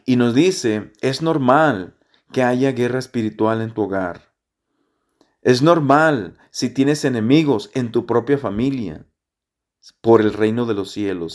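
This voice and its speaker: A man's voice: medium pitch, darkish tone. A man giving an earnest, repetitive gospel reflection to listeners as a preacher.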